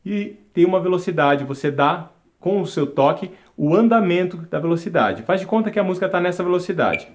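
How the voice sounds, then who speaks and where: A man's voice: sits high, lively intonation, a little fast, few pauses. A man teaching a music lesson, counting beats aloud and chanting syllables along with a metronome. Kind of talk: instructional video lesson.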